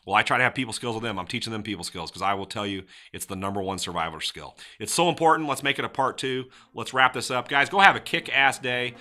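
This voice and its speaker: A man's voice: mid-range voice, quick pace, few pauses. A middle-aged man hosting a podcast, giving casual motivational sales advice and acting out sample lines in different tones. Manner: animated, acts out sample lines with shifting tone. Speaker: podcast host.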